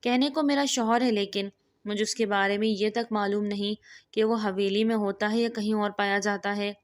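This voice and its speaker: A woman's voice: mid-range voice, fairly even intonation, close to an everyday voice. A woman voicing a sorrowful young woman uncertain of her arranged marriage in a read-aloud story. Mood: sad. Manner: sorrowful, resigned.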